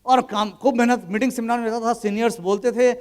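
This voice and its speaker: A man in his thirties with an unusually high voice tells a motivational story at a business event. His delivery is casual and colloquial, and he slips into acting out each exchange in his anecdotes. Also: fairly even intonation, quick pace.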